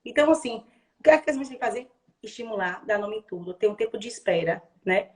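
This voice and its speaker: A woman with a Bahian Brazilian accent, a speech therapist explaining advice to parents on a video call, lively and acting out example phrases for a child. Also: mid-range voice, quick pace. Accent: Bahian Brazilian Portuguese. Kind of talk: explaining advice in a live chat.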